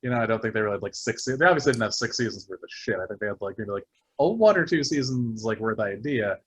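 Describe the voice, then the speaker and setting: A man chatting casually on a podcast, fast and animated, swearing a lot, heard over dull call audio. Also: on the low side, slightly rough. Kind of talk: casual chat.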